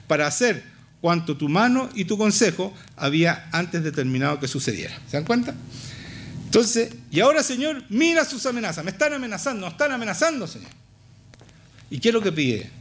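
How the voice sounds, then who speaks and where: A middle-aged man with a Chilean Spanish accent preaching a passionate sermon in a church, swinging from low to high with emphatic repetition. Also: very animated, brisk, slight background noise. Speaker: pastor.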